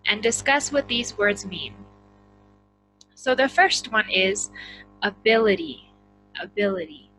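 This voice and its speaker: A woman leads a language lesson in a bright, clear voice, taking her time with each word. She repeats terms deliberately for practice, and soft music plays in the background. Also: mid-range voice, poor audio. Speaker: English teacher. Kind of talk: vocabulary and intonation lesson.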